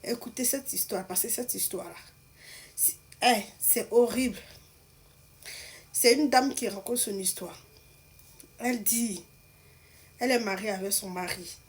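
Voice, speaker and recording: A woman telling a story in a casual, animated way, often trailing off with repeated asides. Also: medium pitch, unhurried, long pauses.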